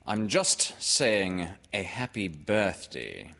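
A man voicing a pompous, self-important owl in a children's storybook, speaking in a deliberate, drawn-out manner. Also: rumbling low, big pitch swings, vocal fry, fairly bright tone, husky, heavily acted.

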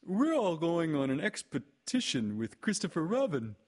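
A man voicing a naive, cheerful toy bear with a husky voice and an eager, muddled manner in a children's storybook. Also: on the high side, wildly swooping pitch, moderate pace, pitched above the performer's own voice. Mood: cheerful, puzzled.

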